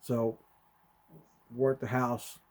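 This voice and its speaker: A middle-aged man co-hosting a podcast, telling a family story and acting out the voices in it with sudden loud bursts. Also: medium pitch, slow pace. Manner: animated, acts out quotes with sudden loud jumps. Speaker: podcast co-host. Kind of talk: conversational storytelling.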